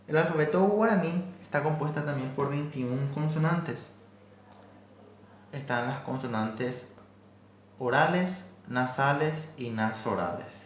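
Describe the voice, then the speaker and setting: Male teacher, language lesson, very slow careful delivery, echoey room. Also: fairly high pitch, a little hiss or hum. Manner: slow, careful explanations with repeated examples. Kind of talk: recorded class lesson.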